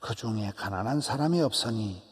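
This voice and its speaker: A pastor in his sixties with a Gyeongsang Korean accent delivers an early-morning sermon in a church sanctuary, his fairly low voice at normal speed. He preaches animatedly and emphatically in short, punchy repeated phrases that sometimes drop to a whisper, with church hall reverb around him.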